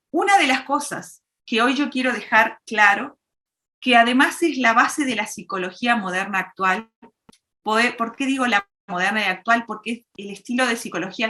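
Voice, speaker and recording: A woman's voice: on the high side, pushed and bright. A woman psychologist giving an explanatory public talk, teaching through worked examples. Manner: didactic, uses worked examples. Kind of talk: explanatory lecture.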